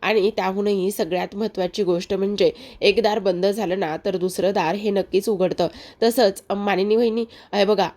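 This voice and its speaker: A woman voicing a kindly older uncle who calmly comforts the family, in a retold serial episode. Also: mid-range voice, lightly acted. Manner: calm, comforting.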